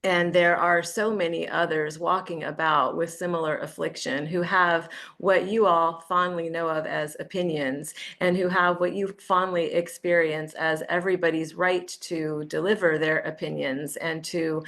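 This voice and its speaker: A woman voicing an ancient, motherly female earth spirit who speaks with gentle teasing affection in a flowing, repetitive way, as in a channeled spirit message. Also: lowish voice, flat delivery, moderate pace, hardly any pauses. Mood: tender.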